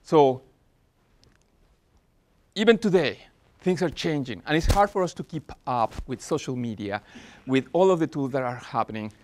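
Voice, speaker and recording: Presenting earnestly at a business workshop, a man in his forties with a Spanish accent uses many fillers and restarts. His mid-range voice is animated, his pace moderate, and he pauses often.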